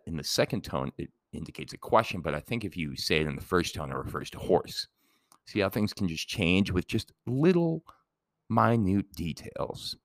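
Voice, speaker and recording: A man's voice: on the low side, dry recording, studio quality. A man giving a casual, rambling explainer lesson, drifting into side tangents. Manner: rambling, digressive, relaxed. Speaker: educator.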